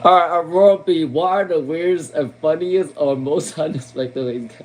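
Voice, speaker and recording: A Long Island man with a slightly high voice speaks at a moderate pace while giving a casual tarot reading on a live stream. He chats loosely, says "um" a lot, repeats names and questions, and punctuates his points with "okay?" and "all right?"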